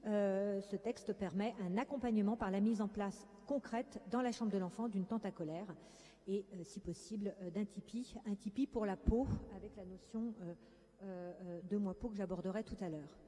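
A woman clinical psychologist gives a conference lecture, speaking hesitantly with many fillers. Her voice is warm, medium-pitched, and moderately paced, echoing in a conference hall.

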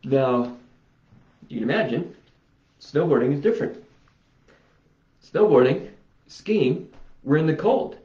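A man talks slowly and unhurriedly, wandering from thought to thought as if talking to himself. His voice sits in the middle range. The recording has a roomy echo and a dull, lo-fi sound. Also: a little high, expressive. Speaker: vlogger. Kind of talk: casual self-healing demonstration vlog.

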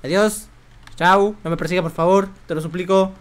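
A young man streaming a video game, commenting excitably, swearing often and yelping when startled. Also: high-pitched, moderate pace. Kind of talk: let's play commentary.

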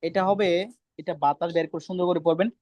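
Strict guy teaching quran pronunciation, bit high voice, dry close sound. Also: fairly even intonation, fast talker, no room sound, dull audio. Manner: stern, scolds students, repeats sounds for drill. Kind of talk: online class teaching pronunciation.

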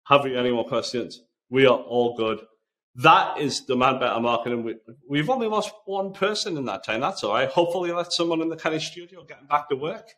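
A man's voice: medium pitch, pushed and bright. A man with a Geordie accent hosting a live podcast, answering listener questions in a conversational, step-by-step way. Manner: conversational, explaining step by step with lists. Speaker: podcast host.

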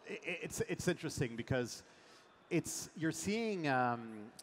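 This middle-aged French venture investor has a high-leaning, animated voice and keeps a measured pace. On a large conference stage for a fireside chat, he speaks energetically with many fillers into a headset mic, amid long hall reverb and faint ambience.

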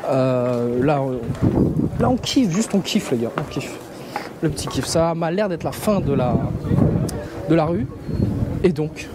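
Chatty Parisian man vlogging on the street. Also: a little high. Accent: Parisian French. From France. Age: young adult. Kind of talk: casual chatty vlog. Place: busy traditional shopping street outdoors. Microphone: handheld camera at arm's length. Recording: street noise behind.

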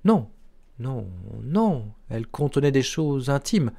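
A man's voice: mid-range voice, sing-song, slow pace, mellow, heavily acted. A man reading aloud and voicing a frightened young woman who hesitates and begs in a trembling voice. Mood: hesitant. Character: frightened pleading young woman cousin under hypnosis.

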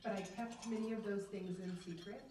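Speaking as keynote in a large banquet room, a woman in her thirties from Atlanta, US South, offers an earnest, emphatic faith testimony on a handheld mic. Her medium-pitched voice is dark and steady in tone at normal speed. The echoey hall recording is distant, with slight background noise.

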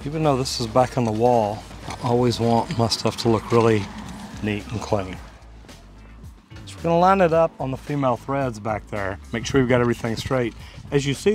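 With music in the background, a plumber aged somewhere in his 50s or 60s hosts a tutorial beside a brick house outdoors. His medium-pitched voice keeps a moderate pace as he casually, folksily explains the hands-on work.

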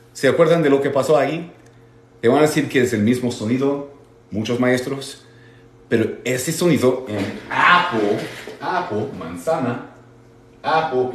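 A man teaching English in a livestream, switching between Spanish and English and stretching out words slowly to model sounds. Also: mid-range voice, echoey room. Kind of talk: bilingual livestream English lesson.

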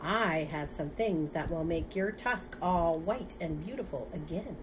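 A woman's voice: on the low side, a little slow, lightly acted. A woman voicing a polite, apologetic young male storybook adventurer, placating in manner, with noise behind. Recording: clear background noise.

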